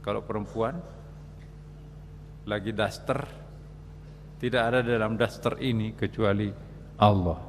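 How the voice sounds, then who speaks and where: A man's voice: fairly low pitch, steady tone, a little slow, long pauses. Older man preaching in a reverberant mosque. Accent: Indonesian. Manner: quotes mystics in a raised voice, then drops to quiet asides. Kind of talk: mosque sermon on Sufism. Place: large mosque. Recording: long hall reverb with faint hum.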